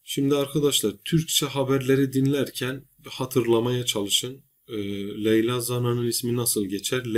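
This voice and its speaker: A male teacher giving a recorded grammar lesson, patiently explaining and slowly repeating example words. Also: medium pitch. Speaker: language teacher.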